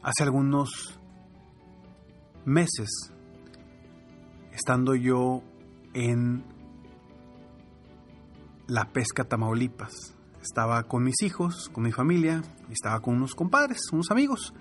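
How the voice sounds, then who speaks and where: A man's voice: medium pitch, expressive, takes it slowly, long pauses, soft background music. A man with a Mexican Spanish accent, in his thirties, giving a motivational talk on leadership through a family story and acting out the voices in it. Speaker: leadership speaker.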